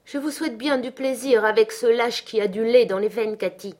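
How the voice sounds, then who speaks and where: A woman's voice: on the high side, normal speed, a little mellow, pitched above the performer's own voice, lightly acted. A woman voicing a violent, contemptuous young man in an audiobook, sneering and threatening. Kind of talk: audiobook character reading.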